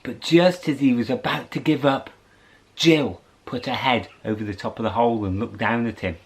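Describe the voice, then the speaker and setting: At a moderate pace and steady tone, a middle-aged man dramatizes a children's tale, alternating hushed whispers with high, heightened moments.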